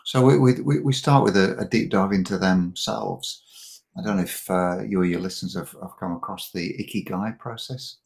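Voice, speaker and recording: Low gravelly man, halting chat. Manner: frequent repeated words and restarts. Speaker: podcast guest, marketing coach. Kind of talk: casual interview chat.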